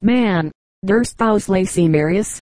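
A woman reading the lines of an old, defiant, commanding Roman general in a slow, stern voice, as part of a storybook narration. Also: medium pitch, level tone, mellow, dry recording, lightly acted.

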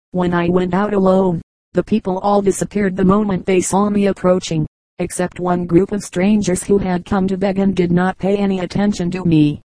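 A woman narrates an audiobook at a steady, measured pace. Her voice sits low and mellow, with very little rise and fall. The sound is dry and close. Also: dry recording, poor audio. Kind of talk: scripted narration.

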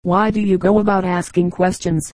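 A woman reading the part of a cheerful talking brook in a storybook, gentle and fond, with an even, mellow voice. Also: fairly low pitch, normal speed, no room sound, close to an everyday voice, rough recording. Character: cheerful chattering brook, endlessly happy.

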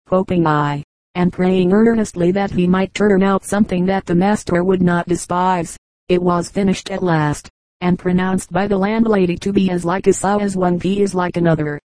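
A woman reads a storybook aloud in a steady, even way. Her voice sits low and stays level, with little rise or fall. The sound is close and dry, with a mellow tone. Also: normal speed, dry recording, rough recording. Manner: steady, even reading with quoted dialogue. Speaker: audiobook reader. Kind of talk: storybook narration.

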